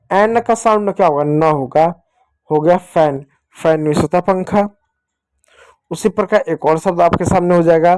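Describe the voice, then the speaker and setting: A man's voice: high voice, darkish tone, clear, resonant tone, no echo. A young man teaching children English phonics, asking questions and answering them himself and repeating key points. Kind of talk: classroom-style phonics lesson.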